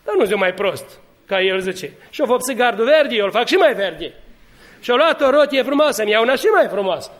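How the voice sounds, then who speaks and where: A man preaching a sermon, telling humorous stories and building to fervent exhortation. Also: extremely high pitch. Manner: lively, humorous storytelling that rises to fervent exhortation.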